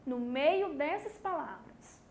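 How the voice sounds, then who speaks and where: A woman's voice: high-pitched, slow. A woman from Brazil teaching a recorded class to young children. She acts out her pupils' questions and keeps checking in with them. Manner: lively, acts out imagined student questions, checks in with "tá bom?".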